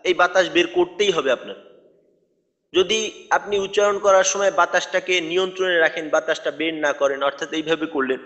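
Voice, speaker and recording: High-voiced man teaching letter sounds. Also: a bit bright, in a large hall. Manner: patient, repeats letter sounds to demonstrate pronunciation. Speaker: tajweed teacher. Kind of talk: recorded online lecture.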